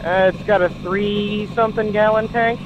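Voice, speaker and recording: A man's voice: high-pitched, fairly even intonation, normal speed. A young man in a helmet chatting casually and joking as he rides a motorcycle in the rain. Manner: chatty, joking running commentary. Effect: muffled voice from inside a helmet. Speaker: motorcycle vlogger. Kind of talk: casual chat while riding. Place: outdoors, riding a motorcycle in the rain. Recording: loud engine and road noise.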